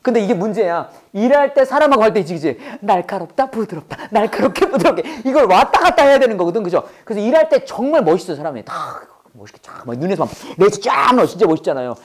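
Woman teacher in a classroom, lively drilling lecture with a very animated voice. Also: mid-range voice, very fast. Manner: lively, call-and-response drilling with laughs. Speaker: English teacher. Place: classroom with students.

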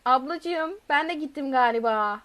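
A woman's voice: high voice, expressive, normal speed, fairly bright tone. A woman streaming a game live, chatting with viewers, reading their messages aloud and shrieking when chased. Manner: reads chat messages aloud. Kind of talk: live gameplay commentary.

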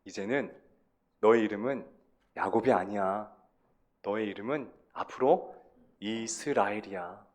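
A man voicing God, who speaks to a man slowly and quietly with reassuring promises. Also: fairly low pitch, natural voice. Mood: gentle promise.

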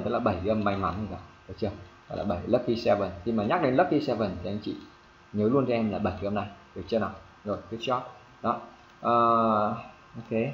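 A man teaching English pronunciation to a class, repeating examples and checking often whether students follow. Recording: echoey room, dull low-fi sound, faint hiss.

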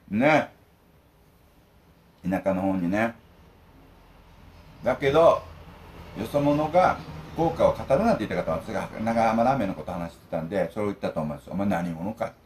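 Middle-aged Okinawan food vlogger, low voice, animated, jokey rambling storyteller. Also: male voice. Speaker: food vlog host. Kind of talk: casual rambling chat while eating.

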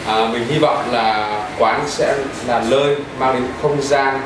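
Guy in his 30s, cafe owner, earnest and halting, far off in an echoey room w/ aircon noise. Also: mid-range voice, steady tone. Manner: earnest, many hesitation fillers. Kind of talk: casual interview answers. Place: inside a small cafe. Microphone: far camera.

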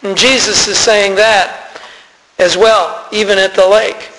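A man's voice: high voice, steady tone, takes it slowly, sharp tone, long reverb tail, rough recording. A man preaching a sermon in a conversational way, calling out to the congregation for responses. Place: church sanctuary.

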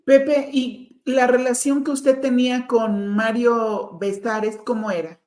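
A woman interviewer, asking measured, probing questions. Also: a little high, fairly even intonation, a little mellow, roomy sound.

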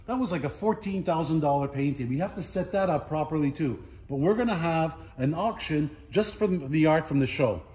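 A middle-aged man giving a casual walking tour of a large warehouse as an auctioneer, chatty and playful, listing items in quick repeats. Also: fairly high pitch, animated, dark tone. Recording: roomy warehouse echo, faint background noise.

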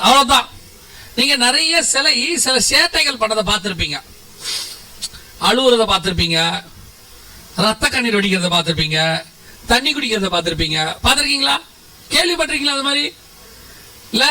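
A man's voice: very high voice, pushed and bright, distant mic, poor audio. A man preaching a sermon, asking his listeners questions and answering them himself, with touches of humor.

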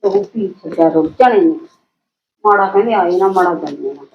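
A woman's voice: lowish voice, expressive, fairly quick, echoey room, dull audio. A middle-aged woman playing a headman's wife in a short film, taunting and scolding her husband. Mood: muttering. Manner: sharp-tongued, taunting. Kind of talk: amateur short film acting.

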